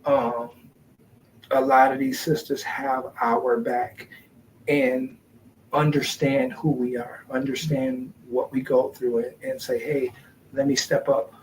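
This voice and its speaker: A man co-hosting a podcast in a laid-back, joking way, speaking slowly. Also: mid-range voice, flat delivery, a little hiss or hum, low-quality recording. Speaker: podcast co-host. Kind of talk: casual podcast chat.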